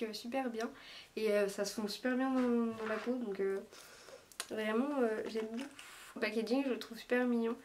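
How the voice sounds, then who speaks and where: A woman reviewing makeup in a casual, chatty way, hesitating often as she talks. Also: on the high side. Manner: chatty, hesitant, lots of small pauses. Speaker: beauty vlogger. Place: room lit by daylight. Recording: voice a bit far from the mic.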